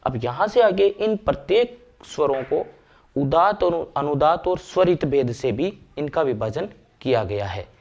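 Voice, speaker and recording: Guy teaching grammar, kinda high voice, slows down to recite verses. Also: expressive, a little mellow, muffled recording. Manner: explains step by step, slows to recite verses and vowels. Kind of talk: classroom lecture.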